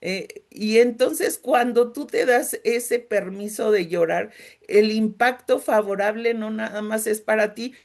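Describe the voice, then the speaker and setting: Middle-aged Mexican woman with some gravel in her voice. Gentle, emotional group leader for a faith-based grief talk. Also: on the high side, a little slow. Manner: gentle, emotional, addresses listeners directly with frequent checks.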